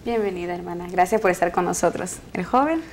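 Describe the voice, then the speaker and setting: A woman's voice: on the low side, fast talker, a little hiss or hum. A woman hosting a university TV Bible study program, welcoming guests and asking them questions. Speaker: host. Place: TV studio.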